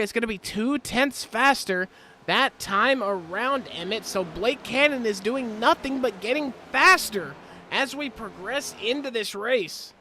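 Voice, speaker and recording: A man calling a sim racing broadcast from home, apologetic and quick to correct himself on air. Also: high voice, sharp tone. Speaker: sim racing play-by-play commentator. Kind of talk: live race commentary. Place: home, helicopters overhead.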